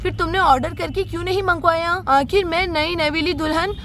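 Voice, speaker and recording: A woman's voice: very high voice, a little fast, a bit bright. A woman doing a bossy scolding young woman. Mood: accusing. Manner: scolding, interrogating. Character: sharp-tongued young woman, bossy and accusing. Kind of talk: doll play storytelling.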